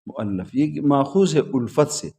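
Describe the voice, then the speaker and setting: A man lecturing on logic to a class at a religious school. His voice is dark and mellow. He keeps asking the students questions, waits for their answers and repeats them back patiently, going over each point more than once. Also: medium pitch, lively intonation. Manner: patient, repetitive explaining.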